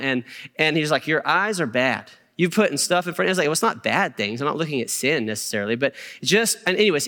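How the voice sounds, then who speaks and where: Bright-voiced pastor in a reverberant hall. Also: male voice, on the high side. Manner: conversational, frequent "okay?" check-ins. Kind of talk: sermon with personal stories.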